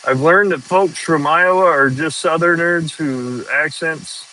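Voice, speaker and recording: Guy livestreaming from his tractor cab, bright voice, rambly and easygoing, faint hiss behind. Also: a little high, unhurried, poor audio. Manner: chatty, rambling, laughs easily. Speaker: farm worker livestreaming. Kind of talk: casual live-stream chat.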